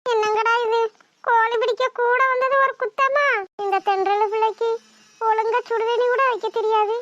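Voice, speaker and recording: A woman's voice: extremely high pitch, fairly even intonation, moderate pace, a bit bright, no echo, highs cut off, soft background music. A woman voicing a heavy cartoon villager who can barely walk and keeps complaining. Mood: grumbling. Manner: moaning, complaining. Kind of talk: cartoon voice acting.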